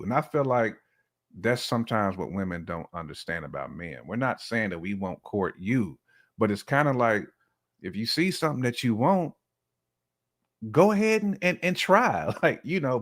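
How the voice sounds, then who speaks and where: As a podcast guest, a middle-aged man reflects on relationships in a casual discussion, putting his thoughts in plain, everyday words. His fairly low voice carries a fairly bright tone.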